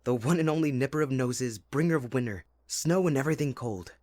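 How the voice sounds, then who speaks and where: A man playing Jack Frost, a playful, possessive young winter spirit, with a husky voice in a dramatic, intimate ASMR roleplay. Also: mid-range voice, brisk, darkish tone, no echo, natural voice. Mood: amazed, excited. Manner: teasing, dramatic, addressing the listener closely.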